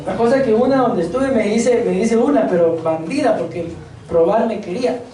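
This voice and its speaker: A woman's voice: mid-range voice, fairly quick, mellow. A woman preaching a church sermon, quizzing the congregation and joking between points. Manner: asks the congregation questions, jokes between points. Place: church hall. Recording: very echoey church hall, mic far off.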